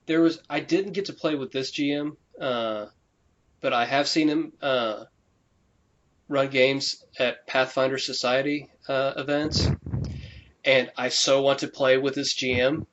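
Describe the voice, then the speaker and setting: A man's voice: mid-range voice, steady tone, unhurried, fairly bright tone. A young man chatting loosely on a podcast, his talk full of "you know" and "like," broken up by laughter and offhand swearing. The recording is a little dull and lo-fi, with a faint hiss underneath. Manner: laughs often, swears casually, rambling fillers. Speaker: podcast co-host. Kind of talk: casual chat.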